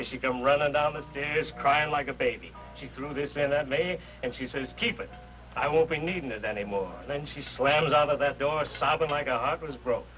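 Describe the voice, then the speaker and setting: A gruff, plain-spoken old doorman, played by an actor in a 1950s TV drama. His voice is bright and forceful, sitting a little high. The sound is dull and lo-fi, with music under it. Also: fairly quick, lightly acted. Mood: reminiscing. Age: older. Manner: folksy, blunt working-class talk. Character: gruff old male doorman of a rehearsal hall.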